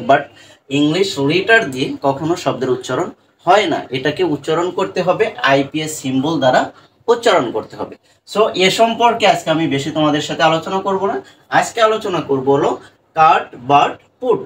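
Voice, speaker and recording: A man's voice: fairly high pitch, a bit bright. A man teaching English pronunciation to students in a lesson, who keeps asking questions and answering them himself. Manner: asks questions and answers them himself, repeats "right?" and "dekho". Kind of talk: classroom-style lesson addressing students. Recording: faint background noise, a bit distant from the mic.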